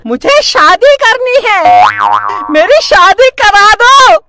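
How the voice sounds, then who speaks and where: Man shouting through a slapstick sketch. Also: extremely high pitch, animated, slow. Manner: loud, exaggerated shouting and mock crying. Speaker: comedy sketch performer voicing several characters. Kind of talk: slapstick comedy sketch dialogue. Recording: loud music under the voice.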